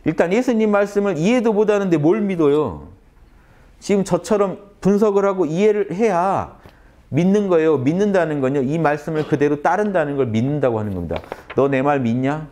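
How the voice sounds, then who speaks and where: A man's voice: a little high, brisk. A man giving a conversational religious lecture, asking the audience many rhetorical questions and acting out quoted speech. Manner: lively, acts out quoted speech in changed voices. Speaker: lecturer on the Gospel of John.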